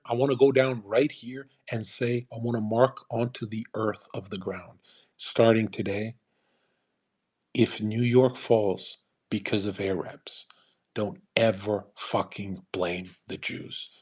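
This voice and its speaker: Husky-voiced man ranting casually. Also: lowish voice, steady tone, measured pace, darkish tone. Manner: profane, rambling rant with frequent "man" and "bro". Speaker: podcast host. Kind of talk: casual podcast monologue.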